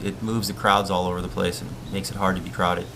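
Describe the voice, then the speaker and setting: A man's voice: low voice, quick pace, slight background noise. A man from Hawaii, a surf coach hosting a casual live-stream Q&A and reading viewer questions aloud. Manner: relaxed, chatty, reads viewer questions aloud.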